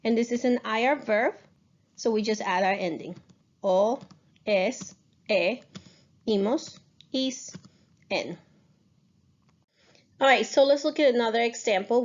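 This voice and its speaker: A woman's voice: medium pitch, measured pace, pauses often. A woman teaching a recorded lesson, speaking patiently and stressing the key rules as she explains. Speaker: Spanish teacher. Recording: dull lo-fi recording.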